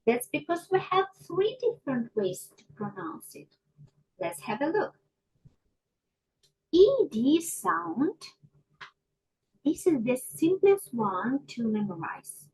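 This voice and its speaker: A woman teaching English pronunciation to a class, slow and deliberate, often checking in with her students. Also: fairly high pitch, big pitch swings, a little mellow, breathy edge, low-quality recording. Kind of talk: online micro lesson.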